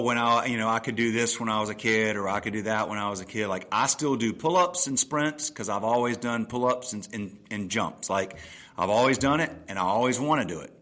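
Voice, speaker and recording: A man in his fifties hosts a podcast interview from a table with a laptop, speaking into a desk microphone with a medium-pitched, pushed, bright voice. He talks casually and enthusiastically, explaining ideas through everyday examples.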